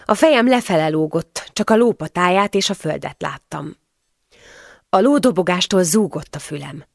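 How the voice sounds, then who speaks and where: A woman's voice: fairly low pitch, animated, gravelly, dry recording, clean studio sound. A woman narrating a first-person novel as an audiobook, with emotional storytelling.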